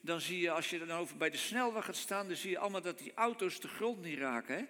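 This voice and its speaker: A man preaching a sermon, telling a Bible story and speaking straight to his listeners with lively asides. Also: high-pitched, fast. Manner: animated storytelling, addresses listeners directly with frequent "hè?". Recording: long hall reverb.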